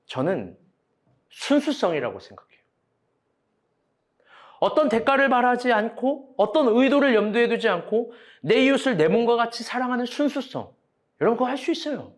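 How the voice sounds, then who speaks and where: Young male preacher, high animated voice, casual and joking in his sermon. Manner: casual, joking, acts out quoted arguments, direct questions to congregation.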